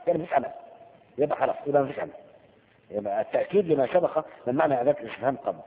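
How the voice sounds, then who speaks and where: A religious teacher with an Egyptian Arabic accent lectures on Quranic rhetoric in a medium-pitched, expressive voice at a racing pace. He poses rhetorical questions to his listeners and acts out stories dramatically, heard through tinny, phone-like audio with long hall reverb.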